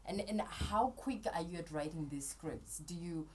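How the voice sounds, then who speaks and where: A woman's voice: on the low side, moderate pace, a little mellow, slight background noise. A woman hosting a radio talk show, playful and teasing as she pushes her guest for answers. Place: radio studio.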